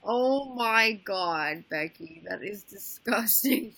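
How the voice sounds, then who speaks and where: A woman's voice: medium pitch, animated, takes it slowly, bright, forceful tone, no echo, rough recording. A woman in her twenties hosting a casual livestream chat, blunt and swearing freely, squealing when grossed out. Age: 20s. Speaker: livestream host.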